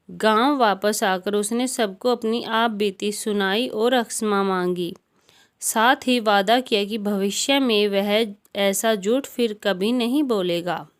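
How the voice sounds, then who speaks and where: A woman narrating moral stories for children in a calm, deliberate reading style. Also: medium pitch. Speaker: storyteller. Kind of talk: storybook narration.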